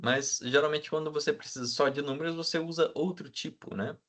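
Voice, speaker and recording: A man teaching a class, checking in with the students all the time and filling pauses with hesitant sounds. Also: on the high side, steady tone, fairly bright tone. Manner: asks the class for agreement constantly; fills with "né?" and hesitant "é". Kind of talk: classroom lecture.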